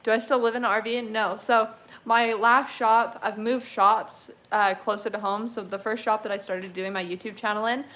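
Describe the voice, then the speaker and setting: Woman, twenties, car restorer reading chat aloud; easygoing, chatty, quick to laugh. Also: mid-range voice, steady tone, a bit bright. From Canada. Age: 20s. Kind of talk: casual livestream Q&A reading chat.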